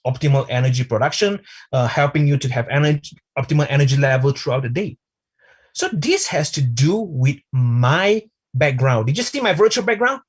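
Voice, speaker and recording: A man's voice: mid-range voice, lively intonation, normal speed, slightly rough. A man giving a live online product training, chatty and speaking to the viewers as friends.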